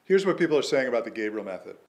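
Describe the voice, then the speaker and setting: A man, an author, delivering a scripted promotional pitch in an earnest, persuasive way. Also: sing-song, racing. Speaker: author promoting his method.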